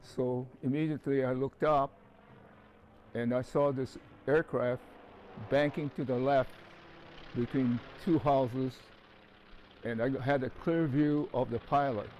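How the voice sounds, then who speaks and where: Older man, from Hawaii, oral history, calm, measured, mid-pitched voice. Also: a little hiss or hum. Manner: calm, measured, some hesitations. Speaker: witness recalling childhood.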